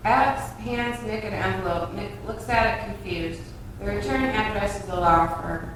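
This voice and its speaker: A woman narrates stage directions from a script at a table read, in a fairly bright, medium-pitched voice at normal speed. She's far from the mic in an echoey room, with a little background noise.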